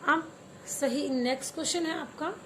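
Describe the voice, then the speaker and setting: A woman's voice: sits high, normal speed, bright, forceful tone, a little hiss or hum, rough recording. Patient woman teaching a Hindi class. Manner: patient, repeats words for children to say along. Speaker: primary school teacher. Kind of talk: online Hindi class for children.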